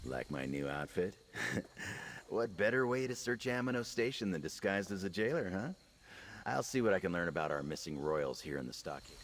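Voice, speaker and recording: Sly rogue spy for a fantasy game: deep, very animated, playful and conspiratorial. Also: male voice, moderate pace, slight background noise. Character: sly, cheeky male thief and spy in disguise. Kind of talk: video game character dialogue.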